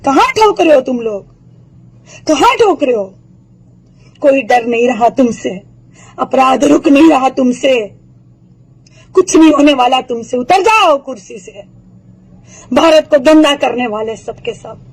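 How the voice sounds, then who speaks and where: A hoarse woman with a sore throat delivering a furious political video rant, taunting her targets with rapid-fire rhetorical questions. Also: sits high, expressive, poor audio.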